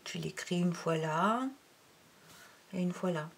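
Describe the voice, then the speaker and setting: A woman's voice: fairly low pitch, vocal fry, slight background noise. A woman teaching handwriting to a young pupil, talking through each stroke step by step and counting aloud, sometimes dropping to a near-whisper. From France. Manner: slow, counting aloud while writing, drops to near-whisper. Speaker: primary school teacher.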